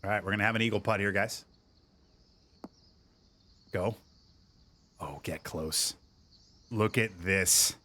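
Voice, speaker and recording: Chatty male streamer with a lowish voice. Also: normal speed, long pauses. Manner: chatty, answers viewer chat, excitable over good shots. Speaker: gaming streamer. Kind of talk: casual livestream game commentary.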